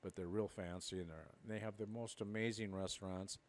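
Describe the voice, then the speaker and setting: With a lowish, steady voice and a slightly quick pace, a middle-aged Minnesota man co-hosts a podcast. In this casual chat he spins rambling stories and laughs frequently.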